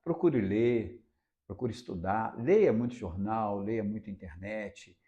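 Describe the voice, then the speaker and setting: The sound is lo-fi, and the man speaks slowly in a voice on the low side. He's a Minas Gerais radio reporter telling stories in a casual interview, using emphatic, repeated phrases in Brazilian Portuguese with a Minas Gerais accent.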